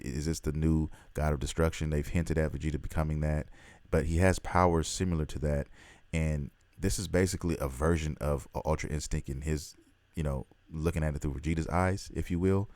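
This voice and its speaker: A man with a very deep voice hosts a casual vlog and rambles with excitement, swearing freely. His voice sounds dry and close, with little room around it. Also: dry recording. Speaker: host.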